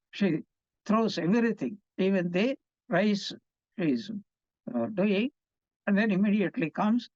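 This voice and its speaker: A man's voice: sits high, darkish tone, no echo. A man, a monk, giving a conversational scripture class, telling stories and asking rhetorical questions. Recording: slightly dull, muffled sound.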